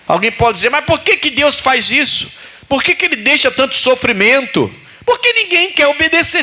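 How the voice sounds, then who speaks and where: A male pastor, preaching a sermon in a lively way and acting out biblical voices. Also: high-pitched.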